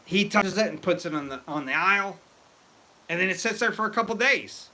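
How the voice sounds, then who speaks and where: A man hosting a casual live stream about brewing mead, excitable and rambling as he chats with viewers. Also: high-pitched, fairly quick. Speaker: livestream host.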